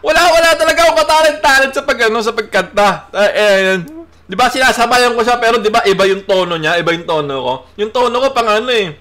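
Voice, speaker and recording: A man's voice: high voice, fast talker, few pauses, sharp tone. A man hosting a reaction video, talking casually with frequent laughs, swearing and filler tags. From Philippines.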